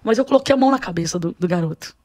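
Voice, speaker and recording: A woman's voice: lowish voice, expressive, racing, darkish tone. A woman, a podcast guest telling a spiritual testimony and acting out the scenes she describes. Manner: vivid storyteller, acts out scenes.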